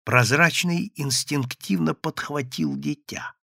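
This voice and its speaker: A man reading a classic satirical story aloud as an audiobook narrator, in an animated, theatrical way. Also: fairly high pitch, slow pace, gravelly, no echo, studio quality.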